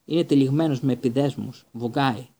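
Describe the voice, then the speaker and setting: A man voicing a drunk, gloomy giant gamekeeper in an audiobook, with a hoarse, miserable, self-blaming manner. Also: medium pitch, mellow, lightly acted.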